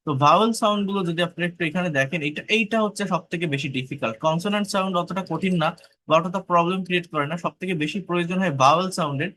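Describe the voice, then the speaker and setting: A man's voice: high-pitched, bright, forceful tone. A man with a Bangladeshi accent teaching pronunciation in an online class, drilling sounds one by one and checking whether students follow. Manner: repeats sounds slowly for drilling, asks students if they follow.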